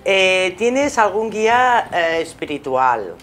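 A middle-aged Spanish-accented woman, a spiritual guide hosting a live call-in show, affectionately gives advice to a caller, using endearments. Her mid-range voice swings widely in pitch and takes its time, with music behind her in a small curtained TV studio.

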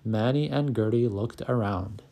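A man narrating a children's picture book aloud, calm and clear, as the channel's storyteller. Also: medium pitch, a little slow.

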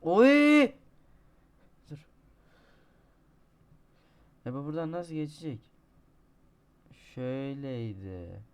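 A young man commenting on his own gameplay, talking to himself, boasting and cursing, with sudden shouting outbursts. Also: mid-range voice, unhurried, pauses often. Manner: swearing, shouting outbursts at the game; self-talk, boastful then exasperated. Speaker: gaming streamer. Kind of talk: let's-play commentary.

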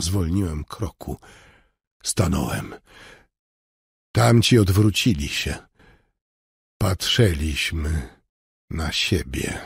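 A man reading an audiobook in measured, somber first-person narration. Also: deep voice, gravelly, a little mellow, slightly rough, no room sound, studio quality.

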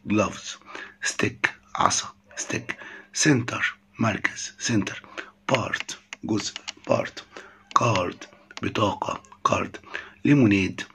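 A man's voice: lowish voice, creaky, a bit bright, slight background noise. A man with an Egyptian Arabic accent teaching English vocabulary, saying each word twice and explaining it in Arabic.

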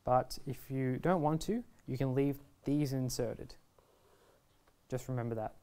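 A man in his twenties speaks in a medium-pitched, dark, clean voice at an unhurried pace, guiding viewers through a casual product tutorial with easygoing reassurance. The setting is an indoor shop video studio, where he stands at a table.

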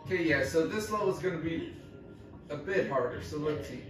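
A man's voice: a little high, animated, a little fast. A man giving casual play-by-play commentary on a game, calling out each jump and move in short bursts. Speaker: gameplay commentator. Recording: echoey room, far from mic, game music.

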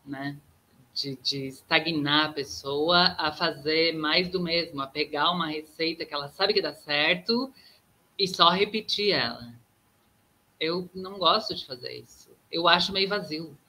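A guest artist in her thirties from southern Brazil, speaking Brazilian Portuguese with a Gaúcho accent, talks reflectively in a casual interview over a video call from a room with plants at home. Her deep voice comes at a measured pace with a sharp tone, and she often ends thoughts with tag questions. The audio is poor.

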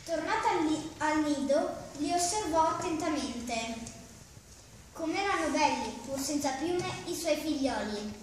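High, unhurried woman reading a storybook. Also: lively intonation, a little hiss or hum. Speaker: reader. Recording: very echoey room.

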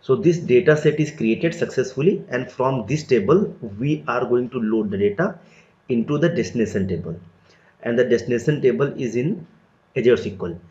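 A man giving a step-by-step screen-recorded software tutorial, explaining each click in a plain, methodical way. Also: mid-range voice, animated, moderate pace. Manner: step-by-step, plain explanatory delivery with frequent "so" and "let me". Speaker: tutorial instructor. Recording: roomy, dull lo-fi recording.

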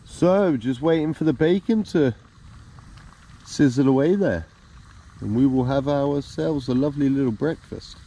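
A man's voice: medium pitch, unhurried. A man casually narrating a camping trip outdoors in a wood, filming on a handheld camera. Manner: relaxed, offhand commentary. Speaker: vlogger. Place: woodland camp, outdoors.

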